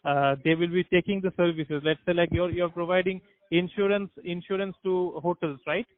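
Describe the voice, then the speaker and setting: A man's voice: high-pitched, fairly even intonation, moderate pace. A man from India with an Indian accent, speaking as a telemarketer on a business phone call, explaining hesitantly and checking that he is followed. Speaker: telemarketer selling website services. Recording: dry, tinny narrow-band phone line.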